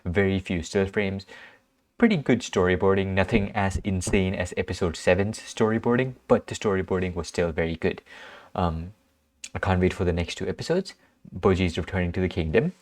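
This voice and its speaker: A young man with a very low voice reviews an anime episode on his channel. He sounds sleepy and yawns between thoughts. His talk wanders, with stops and restarts. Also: brisk. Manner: rambling, with restarts and fillers. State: sleepy, yawning. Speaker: anime reaction channel host.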